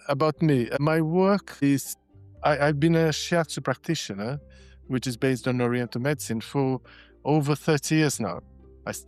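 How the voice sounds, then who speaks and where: A man, a podcast guest telling his story reflectively, often restarting and repeating words. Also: medium pitch. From Brazil. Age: 60s. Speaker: guest, constellations facilitator and shiatsu practitioner. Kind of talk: casual podcast interview.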